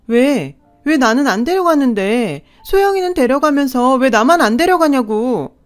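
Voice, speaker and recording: A woman's voice: medium pitch, big pitch swings, unhurried, faint music behind. A woman voicing a hurt young girl who pleads and cries out to her mother. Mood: hurt, pleading. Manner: pleading, crying out.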